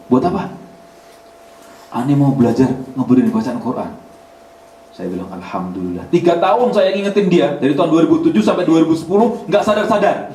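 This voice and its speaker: A man giving a religious study talk, an animated storyteller who acts out dialogue and jumps high in pitch when quoting others. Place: community hall in Germany. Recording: echoey room, speaker far from mic, faint hiss.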